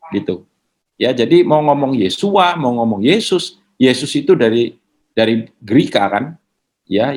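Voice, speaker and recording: A man answering questions in a relaxed, conversational teaching manner, mixing in English words. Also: medium pitch, vocal fry. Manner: casual, mixes in English words.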